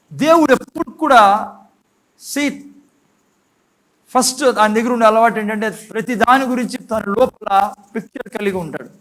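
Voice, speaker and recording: A pastor with a Telugu accent preaches to his church in a strikingly high voice. He keeps firing questions at the congregation and then answers them himself. Now and then he breaks into a loud, emphatic shout. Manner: mixes English phrases into his preaching. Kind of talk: sermon.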